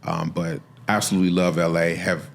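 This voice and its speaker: Pastor guest from Chicago, man, low relaxed voice, chatty and easygoing with frequent laughs. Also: brisk, vocal fry. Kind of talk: casual interview chat.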